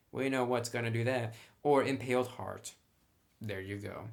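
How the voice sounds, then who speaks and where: Speaking a little slowly in a creaky, mid-range voice, a man gives a casual review of a tabletop game. He addresses the viewer head-on, explaining things one step at a time in a friendly, instructive manner.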